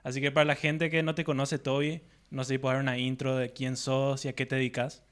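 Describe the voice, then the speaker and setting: Flat-voiced man co-hosting. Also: mid-range voice, fairly quick, smooth. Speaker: podcast co-host. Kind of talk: podcast interview.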